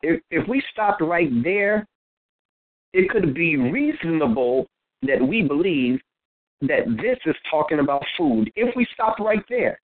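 A man's voice: on the high side, big pitch swings, phone-quality sound. A man reading Bible verses aloud and explaining them in a call-and-response Bible study. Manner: reads verses aloud slowly, then explains. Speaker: Bible teacher reading scripture.

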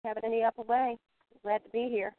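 A woman's voice: on the high side, little pitch movement, quick pace, no echo. A woman caller on speakerphone whose phone line keeps breaking up. She chats in an easy, slightly unsure way and laughs a little as she introduces herself. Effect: on speakerphone over a phone line, breaking up. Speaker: caller to a poetry show. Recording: tinny call-in phone line, dry.

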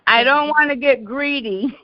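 A woman's voice: high voice, normal speed, no room sound. An older woman hosting a community call, chatting and telling stories and often repeating her words. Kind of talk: casual call-in chat. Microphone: call audio. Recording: muffled dry call audio.

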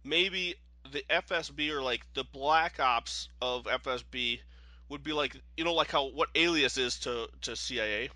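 A man with a very bright, mid-pitched voice, chatting as a podcast co-host. He talks loosely, with plenty of fillers and casual swearing. The recording is dry and close-miked. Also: moderate pace, dry recording. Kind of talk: casual chat.

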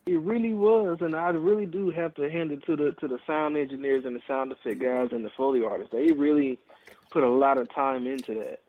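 A man's voice: a little high, fairly quick. Co-host man on a tinny line. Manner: relaxed, rambling with fillers. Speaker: podcast co-host. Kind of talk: casual anime review chat.

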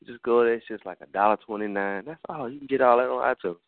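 A man's voice: mid-range voice, fast talker, dry recording. A man as a featured music artist, casually plugging in a show interview. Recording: dry narrow phone line.

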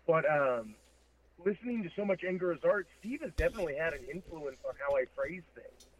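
A man's voice: fairly high pitch, lively intonation, fairly quick. A man speaking as a musician guest in a casual interview, reflective and thinking aloud, over a remote call. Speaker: metal band vocalist, interview guest. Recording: thin, phone-like call audio.

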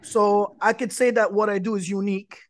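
A man's voice: sits high, little pitch movement, a little fast, dry recording. A man from Quebec, a musician guest on a talk show, eagerly telling long stories about his career. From Quebec, Canada. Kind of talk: casual interview chat.

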